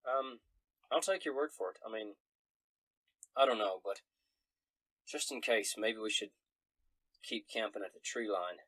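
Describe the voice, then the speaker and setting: A man's voice: on the low side, measured pace, pauses often, pushed and bright, no room sound. A man acting as game master, narrating a tabletop role-playing game in a casual, conversational style.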